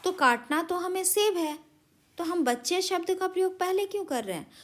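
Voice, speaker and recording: A primary school Hindi teacher gives young children a grammar lesson, patiently spelling out words and correcting sentences. Her voice is very high-pitched, animated and fairly bright, at normal speed. It's a recorded classroom lesson for kids.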